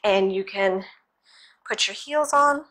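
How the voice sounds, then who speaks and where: Young woman, bright forward voice, casual yoga-teacher delivery, encouraging and informal, for an instructional demo. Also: medium pitch, takes it slowly.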